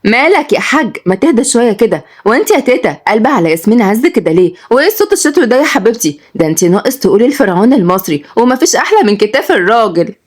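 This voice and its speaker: A woman's voice: a little high, lively intonation, rapid-fire, hardly any pauses, darkish tone, pitched above the performer's own voice. Woman doing a snappy sarcastic Egyptian girl. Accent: Egyptian Arabic. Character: sharp-tongued hot-tempered young woman.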